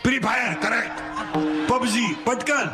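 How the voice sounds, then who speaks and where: A Marathi-accented man delivering a comic kirtan sermon in a very high voice. He works the crowd in quick call-and-response and scolds the schoolboys with playful mockery. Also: loud music behind the voice. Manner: rapid call-and-response, drilling the crowd to answer. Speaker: kirtan preacher.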